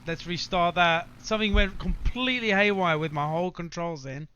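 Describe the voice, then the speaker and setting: A man's voice: sits high, fairly quick, bright, forceful tone. A man chatting casually as he live-streams a flight simulator, addressing viewers in a matey way. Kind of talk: casual livestream chat and gameplay commentary. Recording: faint background noise, slightly dull sound.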